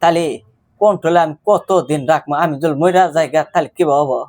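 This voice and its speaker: A prank caller puts on the voice of a worried village grandma, pleading and rambling plaintively about her grandson. The man talks fast in a slightly high, darkish voice, and the performance is lightly acted.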